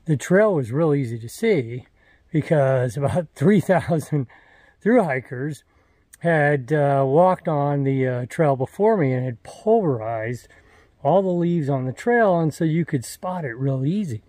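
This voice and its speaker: A man in his sixties vlogs casually as a thru-hiker, talking slowly and rambling with frequent fillers and restarts. His voice is on the high side, animated and dark in tone. Recorded dry on a phone or camera held at arm's length, he moves between a forest trail outdoors and a wooden hostel room indoors.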